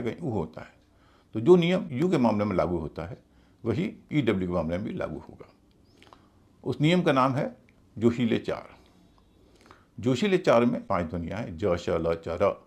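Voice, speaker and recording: A man teaching English pronunciation in a video class. His voice is husky with a gravelly edge, and his pitch moves a lot. He spells out letters and repeats each word methodically. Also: a little mellow. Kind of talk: explanatory video lesson.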